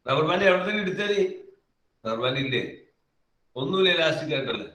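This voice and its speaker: Bright-voiced male teacher, echoey room. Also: a little high, lively intonation, quick pace. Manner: calls on students by name and coaxes answers; repeats key phrases over and over. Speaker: physics teacher. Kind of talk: live online class. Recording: echoey room, mic far off.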